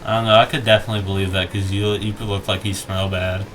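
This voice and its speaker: A man's voice: on the low side, level tone, fast talker, fairly bright tone. A young man chatting casually while ranking game tracks, rambling with lots of restarts and jokey asides. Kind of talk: casual gaming chat.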